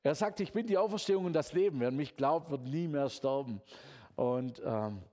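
A man preaching a sermon in a chatty, lively way, often adding "gell". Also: mid-range voice, normal speed.

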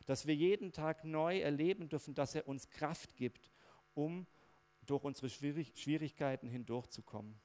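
A man's voice: on the high side, normal speed, darkish tone. A man preaching a personal testimony sermon, talking in a conversational, reflective way with frequent fillers.

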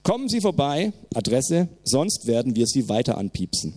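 A man voicing an automated computer voice on a phone line, with a flat, announcing delivery. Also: medium pitch, normal speed.

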